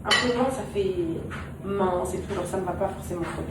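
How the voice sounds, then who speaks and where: A woman's voice: mid-range voice, moderate pace, distant mic. A woman chatting casually to her camera at home, confiding in her viewers and speaking tenderly to her children. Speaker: vlogger. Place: home kitchen. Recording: roomy and off-mic with home background noise.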